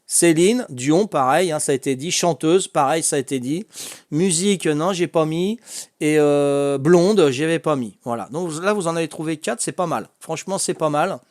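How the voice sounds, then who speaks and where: Corsican guy hosting a family quiz, kinda high voice, laughs a lot, dry close sound. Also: normal speed, a little mellow, no room sound. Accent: Corsican French. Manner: chatty, laughs often, reads out answers. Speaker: quiz host.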